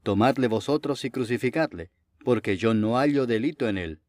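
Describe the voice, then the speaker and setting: A man's voice: mid-range voice, lively intonation, normal speed, darkish tone, no room sound, clean studio sound, lightly acted. A man reading as a stern questioning Roman governor. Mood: firm.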